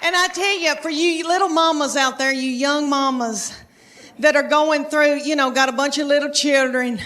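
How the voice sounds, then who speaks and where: A woman's voice: high-pitched, moderate pace, a bit bright. A woman in her fifties with a Southern American accent, doing a chatty stand-up comedy routine and talking straight to the crowd. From Southern United States. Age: 50s. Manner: chatty, drawling, addresses the crowd directly. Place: comedy stage before a live audience.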